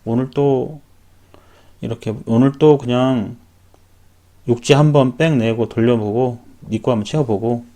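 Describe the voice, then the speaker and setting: Rambling man with a dark voice. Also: mid-range voice, steady tone, unhurried, pauses often. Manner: rambling, frequent self-corrections. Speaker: welder. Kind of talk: personal storytelling.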